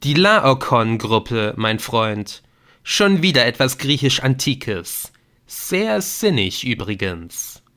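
A man's voice: mid-range voice, big pitch swings, takes it slowly, bright, forceful tone, exaggerated voice. A man voicing a pompous, lecturing know-it-all teenage boy in a German audiobook.

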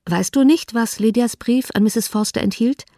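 A woman's voice: a little high, moderate pace, warm tone, no room sound, clean studio sound. A woman voicing a spirited, frank young woman who speaks with indignant emphasis in an audiobook reading. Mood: anxious.

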